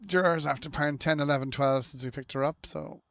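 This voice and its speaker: An Irish man commentating live on golf in a casual, low-key way, with short shot descriptions and chatty asides. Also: steady tone, brisk, fairly bright tone, a little hiss or hum.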